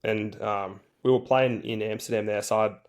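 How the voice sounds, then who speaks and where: A man with a fairly low voice gives a casual interview as a guest. He tells stories in a laid-back, slangy, colloquial way. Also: steady tone, moderate pace. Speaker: interview guest, rugby league player for a national team.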